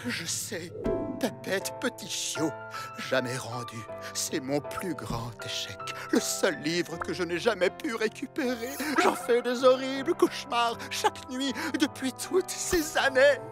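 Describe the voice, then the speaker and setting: High-voiced melodramatic older cartoon librarian. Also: male voice, expressive, unhurried, music in the background. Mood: anguished. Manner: formal, dramatic. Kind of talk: cartoon dub acting.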